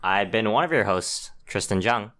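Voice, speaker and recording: A man's voice: lowish voice, moderate pace. Nasal man co-hosting a casual podcast. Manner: relaxed, hesitant with many fillers. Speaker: podcast co-host.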